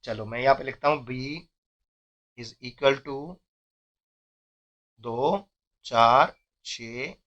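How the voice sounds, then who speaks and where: Young male math teacher, bright tone, patient step-by-step lesson. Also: mid-range voice, steady tone, extremely slow, long pauses, muffled recording. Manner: explains step by step, often says "theek hai".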